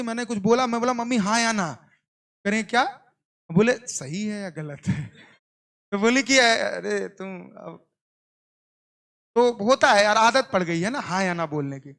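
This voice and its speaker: A man's voice: extremely high pitch, sharp tone. A man teaching a coaching class, keeps firing questions and repeating answers, teasing and scolding sleepy students. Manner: call-and-response questioning; playful scolding. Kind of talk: classroom lecture.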